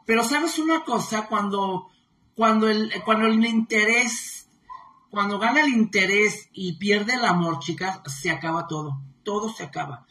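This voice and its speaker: Woman, live-stream host, chatty and affectionate, bright voice, echoey room. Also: mid-range voice, measured pace. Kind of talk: casual live-stream chat reading viewer comments. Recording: roomy echo.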